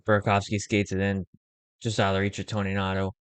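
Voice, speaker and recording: A young man hosting a fan watch-along stream, giving casual play-by-play and chat with quick excited reactions. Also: sits low, clear, resonant tone, no echo. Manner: conversational, reacts excitedly to plays, uses fillers like "like".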